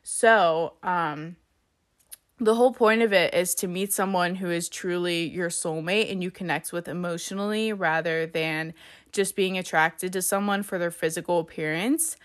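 A woman's voice: lowish voice, fairly even intonation, normal speed. A woman in her twenties from the US East Coast hosting a casual solo podcast, chatty with lots of "like" and "um" fillers, a little congested from a coming cold. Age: 20s. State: slightly congested, getting a cold. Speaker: podcast host.

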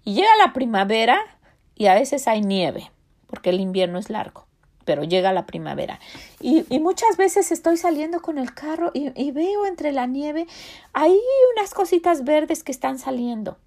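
Gravelly older woman giving earnest advice. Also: high voice, animated, moderate pace, darkish tone. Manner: earnest, speaks straight to the listener. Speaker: podcast host giving life advice. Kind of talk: casual motivational talk with faith themes. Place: home, Illinois.

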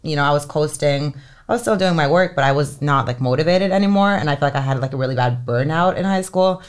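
Speaking quickly in a low pitch, a woman in her thirties from Finland chats as a podcast guest. She's an entertainment lawyer, and her casual interview talk is heavy on "like" and "um."

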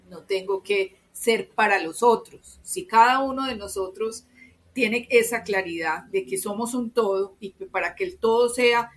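A woman from Medellín with a Colombian paisa accent, speaking as an interview guest and explaining in an expressive, conversational way that often checks in with tag questions. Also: mid-range voice. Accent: Colombian paisa (Antioquia).

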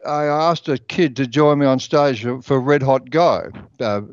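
A man guesting on radio speaks unhurriedly in a slightly higher voice. He rambles through stories with a laugh close by. His headset line sounds dry and a little dull. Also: no room sound. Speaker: musician guest. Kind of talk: casual radio chat.

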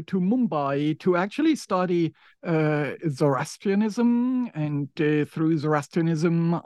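A man's voice: fairly high pitch, darkish tone, no room sound, studio quality. A man who is not a native English speaker, answering interview questions with many hesitations and fillers. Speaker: guest, professor of religion.

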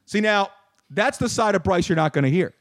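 A man in his thirties hosting a casual sports talk show, animated and ranting, often repeating words. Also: high voice, a little fast, noisy background. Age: 30s. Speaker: podcast host.

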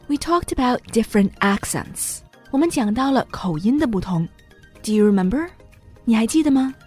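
A woman's voice: fairly high pitch, animated, mellow, soft background music. Woman hosting a bilingual English lesson. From England. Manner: explains in Chinese, demonstrating English phrases slowly. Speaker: host and English teacher. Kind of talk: bilingual language-lesson podcast.

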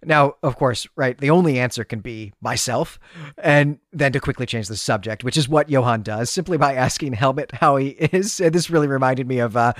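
A podcast host recaps and discusses a story conversationally and analytically, thinking aloud with repeated hedging asides. He has a mid-range voice at normal speed, recorded at studio quality with no room sound.

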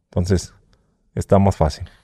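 Deep, husky and dark in tone, this Mexican man speaks a little slowly with fairly even intonation, recorded at studio quality with no echo. A former smuggler appearing as an interview guest, he shares candid stories in a relaxed conversation with a Mexican Spanish accent, frequently asking "¿sí?" and "¿no?" to check in with the listener.

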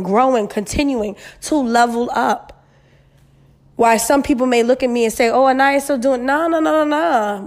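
Female host, mid-twenties, higher-pitched, emphatic and blunt, casual slangy advice talk, echo on the audio. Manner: blunt, sassy, heavy swearing, emphatic. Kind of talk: casual solo chat with advice, frank and slangy. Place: new, mostly empty apartment. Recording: echoey near-empty apartment room.

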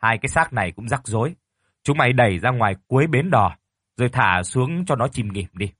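A man's voice: mid-range voice, lively intonation, fairly quick, fairly bright tone, husky, no echo. A man voicing an angry, cruel older male landlord who barks bullying orders at his servants. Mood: commanding.

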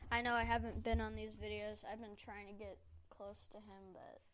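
A woman's voice: medium pitch, flat delivery, moderate pace. A teenage girl chatting casually with a friend while they play a game, rambling and giggling into a handheld microphone. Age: teens. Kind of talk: casual chat while gaming.

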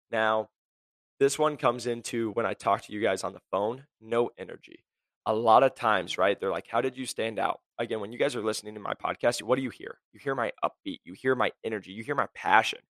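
A young man rattles through a motivational podcast at a quick clip, blunt and fired up. His voice sits at an ordinary pitch and sounds close and dry, with no room around it. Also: a bit bright, no echo. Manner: high-energy, blunt, fast-talking, lots of "like" and "right?". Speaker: podcast host. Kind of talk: motivational career podcast talk.

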